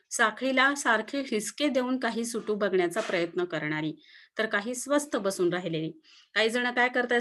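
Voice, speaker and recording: A woman teacher reading a textbook lesson aloud to children, explaining each word with synonyms and checking in with them often. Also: medium pitch. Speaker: school teacher.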